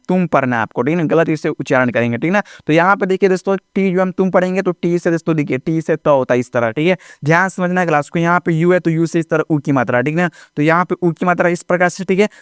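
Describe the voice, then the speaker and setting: A man's voice: on the high side, fast, hardly any pauses, clear, resonant tone, no echo, clean studio sound. A man teaching a video lesson in speech, often repeating himself and checking in with his students. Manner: repetitive, keeps checking in with the audience.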